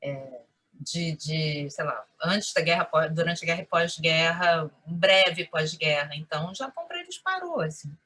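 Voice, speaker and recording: Woman, Carioca accent, bright voice, interview guest, animated conversational storyteller. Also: deep voice, moderate pace. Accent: Rio de Janeiro Portuguese. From Brazil.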